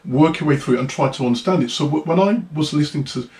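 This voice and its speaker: A guitarist man being interviewed in relaxed chat, rambling and hesitant, sometimes singing rhythms as "da da". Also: on the high side, fast talker, a little hiss or hum. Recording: roomy echo.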